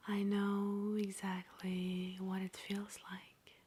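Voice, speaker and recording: In the manner of a guided ASMR meditation, a woman's very breathy, hushed whisper moves slowly, broken by long pauses. Her pitch holds flat and steady, and she sounds gentle and soothing.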